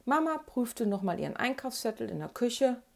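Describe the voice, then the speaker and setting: A woman with a Ruhr German accent telling a childhood memoir in an animated, colloquial way. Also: on the high side, moderate pace, gravelly. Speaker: narrator. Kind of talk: memoir storytelling.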